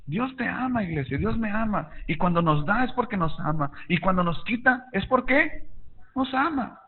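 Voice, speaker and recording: A middle-aged pastor preaching an earnest sermon in a church, asking the congregation to repeat after him. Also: male voice, sits high. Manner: earnest preaching with call-and-response. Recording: tinny phone-like audio.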